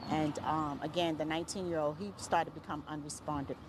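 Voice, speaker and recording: A woman neighbor giving a shaken, halting eyewitness account outdoors, often repeating her words. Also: sits low, steady tone, noisy background. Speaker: neighbor interviewed. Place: outdoors near her home.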